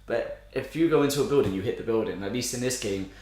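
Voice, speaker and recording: A man's voice: mid-range voice, fast, darkish tone. A man co-hosting a casual gaming chat, informal and sweary, recorded in a very echoey room. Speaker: podcast co-host. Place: indoor room with strong echo. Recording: very echoey room, big echo.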